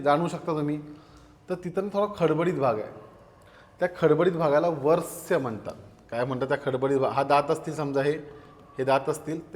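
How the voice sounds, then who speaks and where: Man teaching in a reverberant room. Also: a little high. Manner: asks questions and answers them himself, repeats terms. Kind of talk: classroom grammar lecture.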